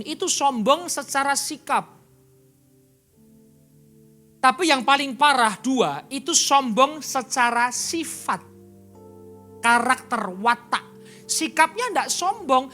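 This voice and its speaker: A high-pitched male pastor delivers a sermon in church, swinging between loud and quiet passages. He fires rhetorical questions at the congregation.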